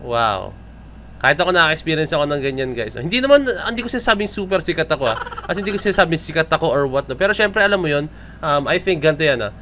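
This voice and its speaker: A young man with a Filipino accent does chatty reaction commentary on a music video, his voice fairly high, expressive, fast, bright and forceful. He switches between Tagalog and English and keeps tacking "no?" onto his lines as a question. There's slight background noise behind this reaction vlogger.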